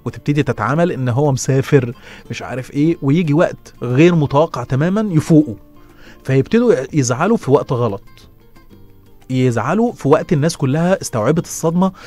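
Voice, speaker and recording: Egyptian guy on the radio, rapid-fire advice chat, stumbles and restarts a lot, faint music behind. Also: medium pitch. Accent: Egyptian Arabic. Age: middle-aged. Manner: fast, lively, stumbling restarts and laughs. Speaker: radio host answering listener messages. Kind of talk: casual advice talk on radio.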